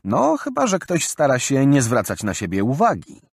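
A man's voice: mid-range voice, wildly swooping pitch, moderate pace, breathy edge, no echo, pitched above the performer's own voice. A male narrator voicing a sarcastic young man with a dry, mocking delivery. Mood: wry.

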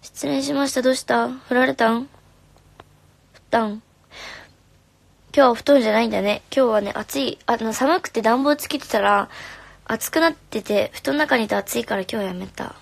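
A young woman, a singer, chatting casually on a live stream, reading comments in a soft, friendly way and sometimes whispering. Her voice is slightly hoarse. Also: a little high, normal speed, long pauses, no echo. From Japan. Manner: soft and friendly, drops to whispers now and then. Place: home room. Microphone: phone.

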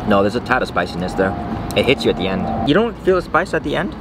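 A man's voice: lowish voice, sing-song, fast, very noisy. A young man in his twenties co-hosting a casual food review, chatting between bites as he eats. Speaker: mukbang vlog co-host. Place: outdoor patio table with hedge behind. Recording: background music, outdoor patio ambience.

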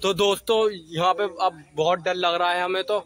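A young man with a high, bright voice speaks nervously to his viewers. He films a ghost challenge on a handheld phone, out in the dark woods at night. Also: fairly even intonation, normal speed. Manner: nervous, hushed, addressing viewers. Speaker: vlogger.

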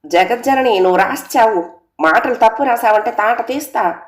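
ఒక మహిళ పలికించే విసుగెత్తిన కఠినమైన తల్లి, బెదిరిస్తూ గద్దిస్తుంది. గొంతు గదిలో మారుమోగుతుంది. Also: female voice, on the high side, moderate pace, voice pushed up, lightly acted. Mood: exasperated. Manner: scolding, threatening. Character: exasperated strict young mother. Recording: roomy echo.

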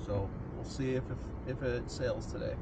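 A man in his thirties filming a casual road-trip vlog with an action camera, outdoors and inside his car, talking plainly and thinking out loud. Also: mid-range voice, moderate pace, heavy background noise. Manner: relaxed, plain, thinks aloud with ums.

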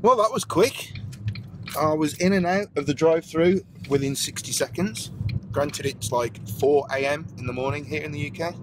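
A man's voice: fairly high pitch, fairly even intonation, normal speed. A man chatting casually and jokily to camera from inside his car at night, rambling a little with fillers. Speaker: vlogger. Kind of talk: casual vlog narration. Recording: car engine noise behind.

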